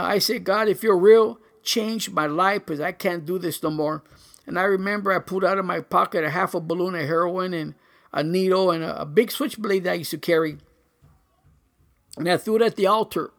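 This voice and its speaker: An older man giving a personal church testimony, earnest and halting, with many pauses and fillers. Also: high-pitched, vocal fry, fairly bright tone.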